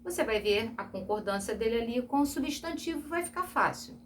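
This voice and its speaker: A woman's voice: fairly high pitch, expressive, brisk, slight background noise. A woman teacher with a Brazilian Portuguese accent, giving a recorded grammar review lesson and patiently repeating examples with frequent check-ins.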